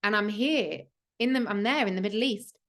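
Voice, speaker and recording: A woman's voice: mid-range voice, a little fast, fairly bright tone. A woman, hosting a livestream and telling a personal story in an earnest, emphatic way with many "like" fillers. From England. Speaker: host of a spiritual podcast.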